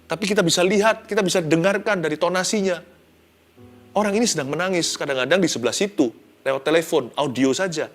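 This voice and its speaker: Male pastor, fairly high voice, expressive devotional preaching, soft music underneath. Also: quick pace. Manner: expressive preaching, swinging from hushed to loud, mixing in English phrases. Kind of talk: devotional sermon. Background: soft background music.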